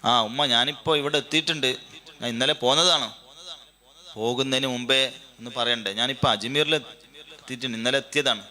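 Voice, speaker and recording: A man's voice: medium pitch, a little fast, long pauses, bright, forceful tone. A man giving a sermon, asking many rhetorical questions. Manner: rhetorical questions, emphatic rises. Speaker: Islamic preacher.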